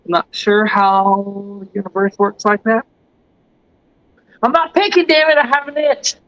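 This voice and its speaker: A man with a high voice drawls slowly through a loose, profane livestream ramble, laughing often and turning loud and rowdy when he calls out to viewers. The sound is dull and lo-fi, and the voice sits dry and close with no room around it. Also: fairly even intonation, no room sound. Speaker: livestream host. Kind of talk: casual livestream chat.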